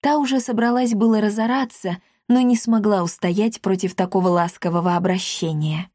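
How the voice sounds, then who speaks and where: A woman narrating a story for an audiobook in a steady, expressive storytelling manner. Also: mid-range voice, moderate pace, no echo, clean studio sound.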